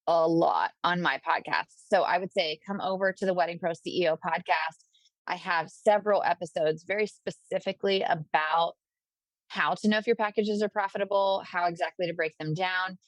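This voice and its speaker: As a guest on a podcast, a woman with a lowish voice gives business advice to wedding pros in casual interview talk that is enthusiastic and upbeat. She speaks at normal speed with fairly even intonation, and there is no room sound.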